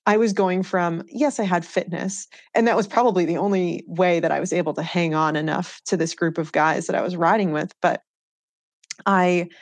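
A woman's voice: fairly low pitch, steady tone, normal speed, dry recording. A woman being interviewed, telling personal stories in an earnest, reflective way and laughing easily. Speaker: interview guest. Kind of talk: candid conversational storytelling.

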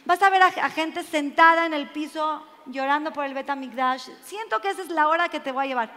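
Woman doing a soft coaxing rabbi, bright voice. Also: very high voice, fairly quick. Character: kindly rabbi guiding a rich donor. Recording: long hall reverb.

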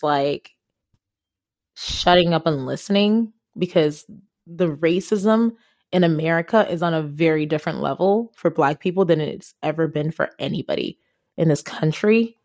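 A Ghanaian woman hosts a conversational podcast, her voice a touch lower than most women's. She tells stories in a casual way, stressing her points with emphasis and addressing the listener directly.

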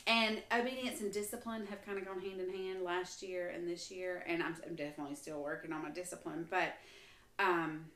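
A woman's voice: fairly low pitch, fairly even intonation, fairly quick, fairly bright tone, roomy sound. A woman who is a guest on a faith podcast, telling her story in an earnest way, with frequent restarts and fillers.

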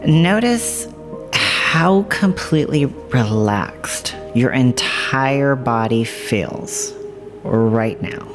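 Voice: mid-range voice, lively intonation, very slow. A narrator leading a scripted guided meditation in a soothing, hypnotic, reassuring manner. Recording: music bed behind the voice. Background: music.

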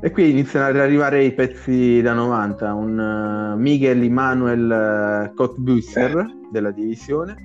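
A man casually announcing a team list, with banter, halting over foreign names. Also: mid-range voice, fairly even intonation. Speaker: team staff member announcing a squad. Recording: dull, lo-fi audio. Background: music.

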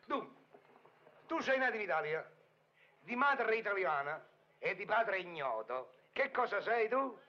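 A man's voice: sits high, big pitch swings, a little slow, pauses often, bright, forceful tone, exaggerated voice. A man playing a teasing, theatrical male smuggler in a dubbed vintage film comedy, with lo-fi old film sound. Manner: teasing, sing-song, theatrical. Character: mocking cheeky male smuggler, adult.

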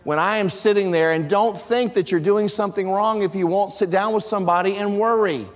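A man preaching a sermon, his voice sitting a little high. He drives his points home with emphasis and sometimes breaks into shouts. His words ring out with a long reverb from a large church hall. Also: a little fast. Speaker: pastor.

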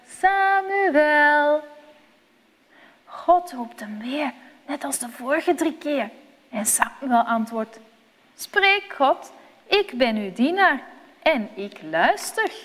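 A woman narrating a children's Bible story in a slow, clear, expressive manner. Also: fairly high pitch, long reverb tail.

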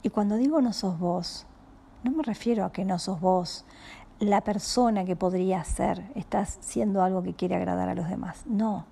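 A woman with a Rioplatense Spanish accent giving a calm, reflective spiritual talk, speaking slowly and often dropping into a soft whisper. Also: mid-range voice, creaky, breathy edge. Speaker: spiritual teacher.

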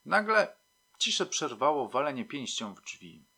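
A man narrating a somber audiobook story in a measured way. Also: mid-range voice, big pitch swings, pushed and bright, husky.

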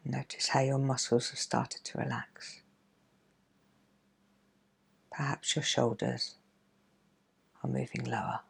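A woman coach leading a guided relaxation exercise in a gentle, soothing, measured way, leaving pauses between phrases. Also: rumbling low, fairly even intonation, vocal fry, breathy edge. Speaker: coach and podcast host.

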